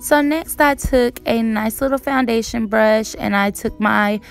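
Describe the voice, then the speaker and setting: A woman's voice: fairly high pitch, unhurried, vocal fry, soft background music. A young woman giving a casual makeup tutorial narration in a chatty way, repeating words for emphasis. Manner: chatty, emphatic word repetition. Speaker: beauty vlogger.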